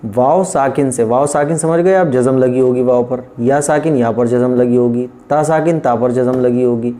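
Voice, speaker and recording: A man teaching Quran reading as a patient lesson. He repeats each point and drills letter sounds slowly, one at a time. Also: medium pitch, warm tone. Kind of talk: patient classroom explanation with slow drilled recitation.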